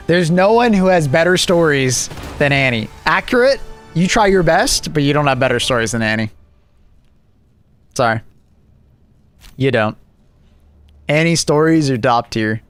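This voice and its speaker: A man's voice: fairly high pitch, expressive, unhurried, long pauses, fairly bright tone, soft background music. A man live streaming, chatting casually with his viewers and reacting to their messages with joking, rambling asides.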